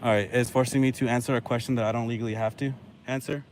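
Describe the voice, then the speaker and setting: A man seated in his car at a checkpoint, answering in quick, clipped, stubborn refusals. His voice is mid-pitched, with clear traffic noise around the car. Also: fairly even intonation, darkish tone. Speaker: driver at a checkpoint. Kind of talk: terse confrontation. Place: inside a car at a roadside checkpoint.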